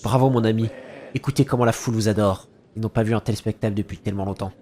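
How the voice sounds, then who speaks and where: A man's voice: fairly low pitch, fairly even intonation, quick pace, dark tone, lightly acted. Grimm, a man reading as a grandiose troupe master. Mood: theatrical. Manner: grandiose, theatrical reading of game dialogue. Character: suave theatrical insect troupe master.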